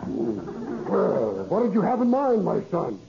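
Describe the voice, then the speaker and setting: A male actor playing a cynical, flattering American ward politician in old radio comedy, oily and grandiose in mock sincerity. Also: high-pitched, slow pace, gravelly, full character voice. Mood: glib cynicism. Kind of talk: 1940s-50s radio comedy acting. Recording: muffled, hissy old radio recording.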